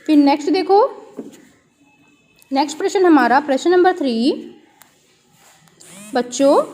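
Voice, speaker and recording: A woman teacher going through a children's worksheet, slowly spelling out words letter by letter and asking simple questions. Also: high-pitched, a little mellow.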